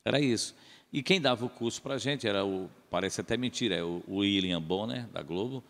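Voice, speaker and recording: Casting note: gravelly radio announcer, podcast guest, chatty storyteller, reverberant room. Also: male voice, fairly low pitch, a little fast. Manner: rambling, animated storytelling. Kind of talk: casual storytelling.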